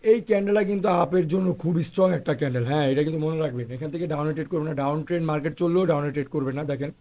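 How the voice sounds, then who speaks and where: A hoarse man who is feeling unwell, talking through live trades as an instructor and checking "okay?" after each point. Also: fairly high pitch, very fast, mellow. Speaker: trading instructor. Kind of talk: live trading walkthrough.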